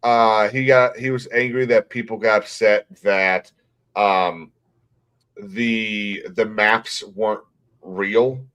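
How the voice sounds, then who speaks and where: A man, hosting a casual gaming chat, blunt and quick to laugh. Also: fairly low pitch, smooth. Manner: relaxed, blunt, laughs easily. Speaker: podcast host.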